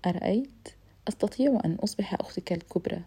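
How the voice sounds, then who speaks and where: A woman's voice: mid-range voice, expressive, rapid-fire, dark tone, breathy edge. A woman reading the lines of a playful, self-assured young woman of twenty-six in an audiobook. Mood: teasing.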